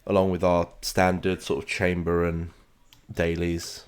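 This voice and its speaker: He speaks in a smooth, low voice at a measured pace, keeping his delivery completely flat. The speaker is a gaming streamer from London, England, whose British London accent carries his loose, chatty commentary as he plays and answers viewers.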